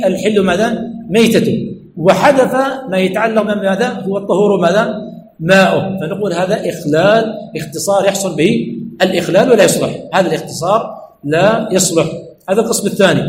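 A male religious teacher with a high voice and rapid delivery, forever asking his class "what?" and then supplying the answer himself. He repeats key words for emphasis. The room is echoey with a faint hum behind him. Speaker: sheikh teaching hadith studies. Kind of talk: classroom lesson. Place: religious study center classroom.

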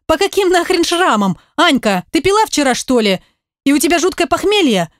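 A woman doing a loud brash friend shouting down the phone. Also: sits high, big pitch swings, a little fast, dry recording, studio quality, pitched above the performer's own voice. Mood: shouting, irritated. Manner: shouting, rude and impatient.

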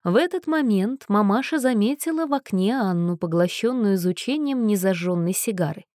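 A woman's voice: mid-range voice, animated, moderate pace, darkish tone, dry recording. Woman reading a story aloud, dry sound. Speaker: audiobook narrator. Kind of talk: scripted narration.

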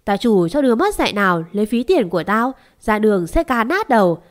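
A woman voicing a spiteful young servant girl who speaks in shrill, accusing tones. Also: big pitch swings, brisk, lightly acted.

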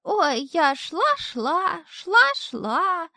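Woman putting on a squeaky imp in disguise. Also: very animated, very slow, bright, forceful tone, no echo, studio quality, full character voice. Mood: coy squeaky. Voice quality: squeaky, thin. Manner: coy, wheedling, fussy.

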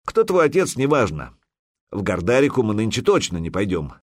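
A man's voice: on the low side, huge pitch swings, moderate pace, no room sound. A man voicing a shrewd, stern veteran warrior who lectures a young recruit.

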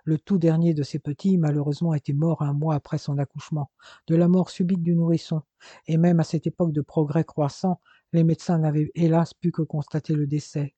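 Man reading a story aloud, kinda husky, slightly high voice, lo-fi dry sound. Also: flat delivery, fairly quick, warm tone, dry recording. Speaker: audiobook narrator. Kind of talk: scripted narration. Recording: dull, dry lo-fi recording.

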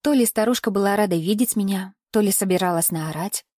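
A woman narrating a novel aloud in the first person, in a measured, even storytelling manner. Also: medium pitch, no echo, studio quality. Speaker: audiobook narrator.

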